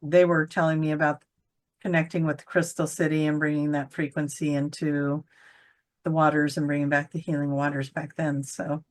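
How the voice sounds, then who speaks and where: A woman's voice: deep voice, level tone, moderate pace. A woman in casual conversation about spiritual channeling, rambling and searching for words with many fillers. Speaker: channeler co-host.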